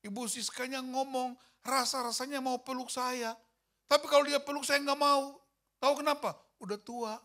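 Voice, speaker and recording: Male pastor preaching in church, high bright voice, animated storytelling, acts out the voices. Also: normal speed. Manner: animated storyteller, acting out dialogue. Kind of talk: sermon with storytelling. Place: church service.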